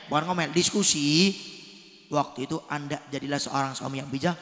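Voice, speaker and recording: A male preacher giving a sermon to husbands, swinging from soft counsel to loud emphatic bursts. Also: mid-range voice, steady tone, fast talker. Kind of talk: village sermon to married men. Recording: echoey hall with long reverb.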